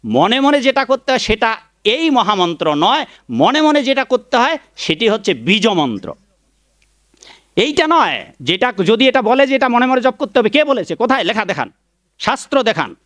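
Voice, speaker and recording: A man's voice: extremely high pitch, sing-song, moderate pace, fairly bright tone, no echo, studio quality. A man giving a devotional sermon, preaching emphatically, chanting mantras and fondly addressing his listeners while scolding critics. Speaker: Vaishnava preacher giving a Bhagavat discourse.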